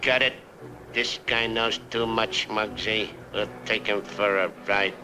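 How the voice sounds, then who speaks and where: A man's voice: on the low side, fairly even intonation, measured pace, noisy background, natural voice. A man voicing a menacing cartoon gangster boss who mutters his threats.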